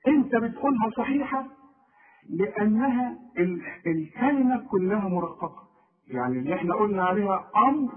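A man with an Egyptian Arabic accent giving an informal spoken lesson, drilling word after word and quizzing the listener directly. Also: high-pitched. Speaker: Quran recitation teacher. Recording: tinny phone-like recording.

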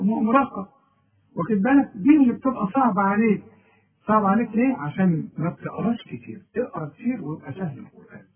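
A man's voice: high voice, breathy edge. Egyptian man teaching Quran recitation, tinny tape. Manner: patient, repeats and corrects pronunciation. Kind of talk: tajweed lesson with recitation.

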